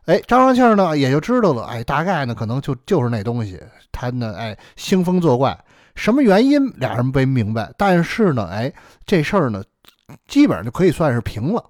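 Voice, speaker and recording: Lively storyteller man. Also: medium pitch, brisk, no room sound, clean studio sound. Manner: lively, chatty, full of fillers. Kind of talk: traditional oral storytelling.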